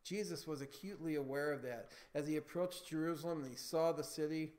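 A man's voice: on the high side, fairly even intonation, brisk, darkish tone. A man preaching a sermon as pastor in a church, building emphasis and calling for amens. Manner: preaching with rising emphasis, calls for amen.

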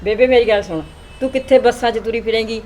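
A woman playing a fast-talking devoted daughter. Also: a little high, fairly even intonation, darkish tone, slight background noise, natural voice. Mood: affectionate. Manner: pleading, talkative. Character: married village daughter, devoted, emotional. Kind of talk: village family drama.

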